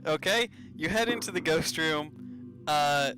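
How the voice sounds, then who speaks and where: Young male game master, slightly high voice, unhurried and hesitant. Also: over music. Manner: relaxed, hesitant with fillers. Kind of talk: narrating a tabletop game.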